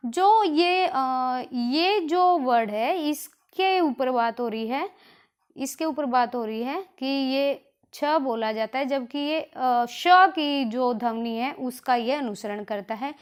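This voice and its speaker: A woman with a Haryanvi accent teaching a grammar lesson for exam preparation, explaining slowly and repeating each example word. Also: sits high, clean tone.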